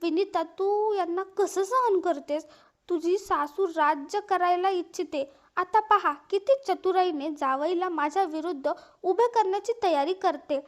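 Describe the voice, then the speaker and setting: A woman's voice: very high voice, measured pace. A woman voicing a scheming older mother who accuses her daughter's mother-in-law in a spoken story. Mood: scornful. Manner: accusing, sharp-tongued.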